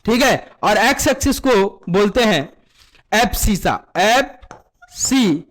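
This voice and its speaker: A man's voice: high-pitched, expressive, normal speed, fairly bright tone. A man teaching math in Hindi mixed with English terms, asking the same question over and over and answering it himself, calling students "beta". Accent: Indian Hindi with English terms. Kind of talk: classroom lesson with call-and-response.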